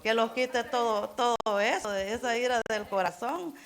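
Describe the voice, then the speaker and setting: A middle-aged woman giving an informal church sermon in an earnest, halting way, restarting phrases and repeating words as she goes. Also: a little high. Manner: keeps urging listeners to imagine. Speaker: church member preaching.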